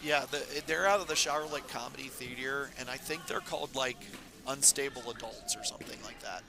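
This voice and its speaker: Hoarse after a weekend of talking, this raspy male commentator calls curling for a club stream in a casual, live way. He speaks briskly in a mid-range voice over background noise, loose and rambling with many fillers.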